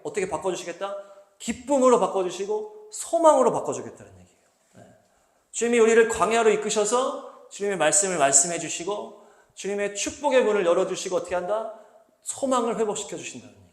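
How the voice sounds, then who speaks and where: A male pastor preaching a sermon, posing rhetorical questions to the congregation and slowly reading scripture aloud. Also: high voice, reverberant. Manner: asks the congregation rhetorical questions and answers them; reads scripture slowly and deliberately. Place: church hall.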